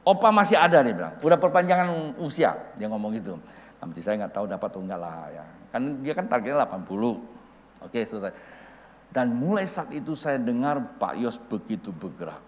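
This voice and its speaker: A man preaching as a pastor, telling a story with lively shifts of voice as he acts out the dialogue. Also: on the low side, brisk, slight background noise. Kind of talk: sermon storytelling. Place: large church hall. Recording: reverberant church hall.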